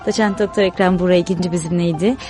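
A woman's voice: lowish voice, steady tone, racing, dark tone, soft background music. A woman hosting a studio conversation, giving polite, brief remarks and formal sign-offs. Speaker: radio show host.

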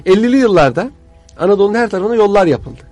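A man's voice: high-pitched, big pitch swings, very fast, a little mellow, dry recording, soft background music. A man, a guest historian telling stories in a studio conversation, using courtly old-fashioned phrasing.

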